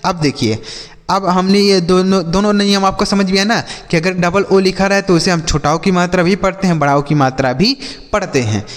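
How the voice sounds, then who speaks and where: A man's voice: on the high side, big-room sound. A man teaching English reading to children, spelling words out and asking and answering his own questions. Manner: repeats each word, asks and answers his own questions. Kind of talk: classroom-style phonics lesson.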